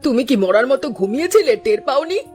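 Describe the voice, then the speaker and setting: A woman's voice: sits high, very animated, quick pace, a little mellow, faint music behind. A woman voicing an elderly village mother-in-law in a cartoon, scolding and suspicious, with a weary, resigned edge. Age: older. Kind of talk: cartoon dubbing.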